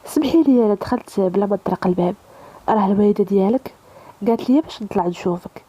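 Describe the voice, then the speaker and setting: A woman voicing a wealthy young groom, calm, polite and suspicious, with a Moroccan accent. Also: medium pitch, fast, husky, natural voice, rough recording.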